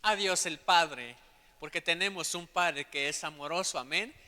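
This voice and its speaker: A man preaching a sermon as pastor, swelling into loud passages full of questions to the congregation and then dropping to soft asides. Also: on the high side, measured pace. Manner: drops to a soft aside tone between shouted passages. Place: church sanctuary. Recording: long church hall reverb.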